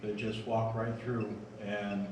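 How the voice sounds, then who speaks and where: Ghost hunter guy, lowish voice, casual, super echoey and noisy recording. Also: flat delivery, slow, distant mic. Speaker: paranormal investigator. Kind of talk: casual recounting. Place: large indoor bowling alley.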